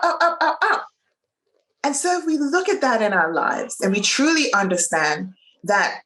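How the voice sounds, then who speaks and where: A woman's voice: medium pitch, roomy sound, rough recording. Woman from Bermuda, interview guest, emphatic, preacherly, motivational. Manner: animated, preacherly, emphatic with faith references. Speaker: nurse and coach.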